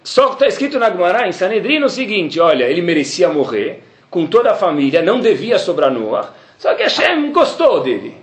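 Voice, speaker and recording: A man teaching a Talmud class, telling the story animatedly and acting out the characters in quick voices. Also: high-pitched, wildly swooping pitch, reverberant. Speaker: Torah teacher giving a class.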